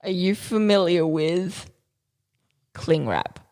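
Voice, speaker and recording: Slow, teasing male podcast co-host. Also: high voice, expressive, darkish tone. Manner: drawn-out, playful, teasing build-ups. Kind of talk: casual comedic chat. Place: office.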